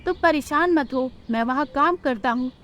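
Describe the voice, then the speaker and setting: A kind male uncle bird from a cartoon story, warm and reassuring, voiced by a woman. He speaks in a high, friendly voice to cheer up a child. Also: normal speed, slight background noise.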